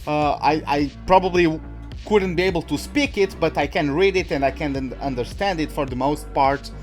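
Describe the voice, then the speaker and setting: Commentating a racing game, this young Portuguese-speaking YouTuber chats and rambles in a fairly high voice at normal speed, often restarting sentences, filling gaps with "uh" and "like," and poking fun at himself. He comes from a Portuguese-speaking country and speaks English as a second language. Soft game music plays faintly in the background of the casual let's-play.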